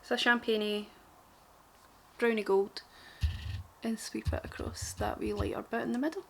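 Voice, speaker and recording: A woman's voice: on the high side, steady tone, normal speed, creaky, a bit bright, a little hiss or hum. A young woman with a broad, strong Glaswegian Scottish accent, chatting casually and self-deprecatingly to camera in an informal, rambling makeup tutorial. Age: young adult. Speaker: beauty vlogger.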